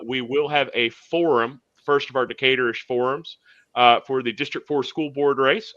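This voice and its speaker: Bright chatty host guy on a video call, kinda dull dry audio. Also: medium pitch. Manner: relaxed, chatty, with fillers. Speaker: show host. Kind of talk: casual talk show hosting.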